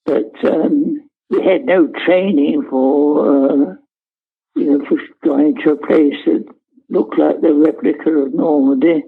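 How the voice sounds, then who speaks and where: An elderly man, a war veteran, remembering in an interview in a halting, understated, matter-of-fact way with searching pauses. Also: a little high, fairly even intonation, creaky, husky, phone-quality sound. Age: elderly, 90s. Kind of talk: unscripted interview reminiscence.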